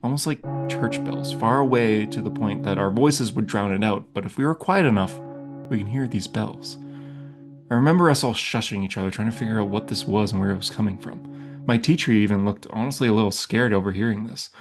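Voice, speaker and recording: A man's voice: lowish voice, brisk, darkish tone, soft background music. Man narrating a spooky tabletop setting. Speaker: game master and channel host.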